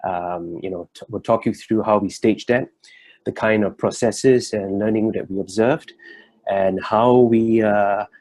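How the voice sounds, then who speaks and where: A man's voice: on the low side, fairly even intonation, a little slow, darkish tone. A man, giving an earnest, reflective talk as a workshop co-presenter and searching for his words. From Singapore. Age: 30s.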